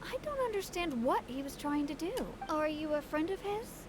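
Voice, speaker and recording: Gentle worried mom in a game, really high voice, expressive, noisy background. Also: female voice, normal speed. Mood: gentle, puzzled. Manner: polite, earnest. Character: worried, grateful, gentle mother of a small boy. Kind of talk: video game voice acting. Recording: noisy ambience behind.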